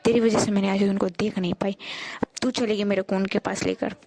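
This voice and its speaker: A woman's voice: mid-range voice, little pitch movement, a little fast, warm tone, natural voice. A woman voicing a lovesick young female college student who complains and pleads in storybook dialogue. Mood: sulky.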